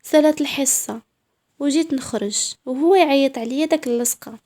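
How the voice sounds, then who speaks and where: A woman's voice: sits high, fairly quick, mellow. A woman with a Moroccan accent narrating a first-person story in a proud, sassy way.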